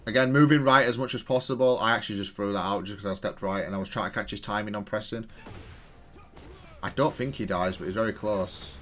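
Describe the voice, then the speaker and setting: A gamer and content creator reviews his own play in casual commentary, thinking aloud analytically and correcting himself as he goes. His voice sits on the low side with a slightly bright quality, and he talks fairly quickly over soft background music.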